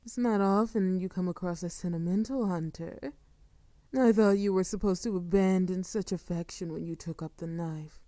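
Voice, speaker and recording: In an intimate audio roleplay, a woman voices a seductive, sadistic vampire lord, murmuring softly with a theatrical, condescending, drawn-out delivery that sounds mocking and silky. Her natural voice sits fairly low and is captured in a clean studio with no room sound.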